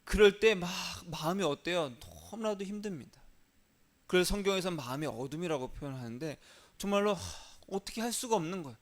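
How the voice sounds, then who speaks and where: A man's voice: high voice, lively intonation, brisk. A male pastor giving a sermon in a conversational way, asking rhetorical questions and acting out inner thoughts.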